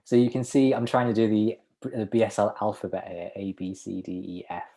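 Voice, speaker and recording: Over a video call, a male sign language interpreter voices a student's presentation in the first person, sometimes halting, restarting, or letting out small laughs. His voice sits on the low side, mellow and edged with vocal fry.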